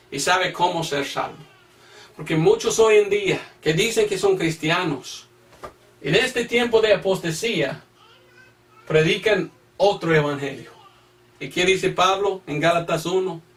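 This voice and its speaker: A man's voice: sits high, distant mic. A man, an evangelist missionary, teaching a Bible sermon. He reads scripture references aloud, repeats his phrases and asks emphatic rhetorical questions.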